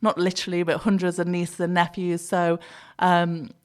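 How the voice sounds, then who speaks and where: Lady chatting about her career, laughs a lot, fillers everywhere, smooth lowish voice. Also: flat delivery, moderate pace, a little mellow. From England (Nottingham). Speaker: PR consultant, guest. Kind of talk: casual interview chat.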